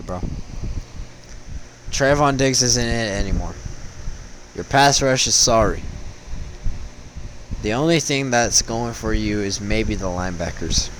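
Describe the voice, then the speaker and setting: A man's voice: on the low side, a little hiss or hum, low-quality recording. A young man giving casual sports commentary, chatty and slangy, talking straight to the teams. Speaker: sports vlogger.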